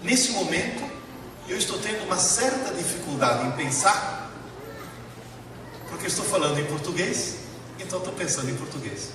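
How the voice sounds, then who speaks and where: A male professor from Italy, a native Italian speaker, lectures a live audience with high-pitched, very lively intonation, emphatic and dramatic pauses, and repetition. It's a motivational educational talk in a large hall, captured on a distant mic with heavy reverb and clearly noisy sound.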